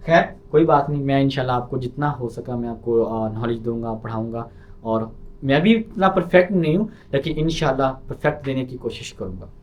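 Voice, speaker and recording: A man with a Pakistani Urdu accent teaching an online lesson. He explains patiently and drills each sound by repeating it loudly. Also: medium pitch, brisk. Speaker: language teacher.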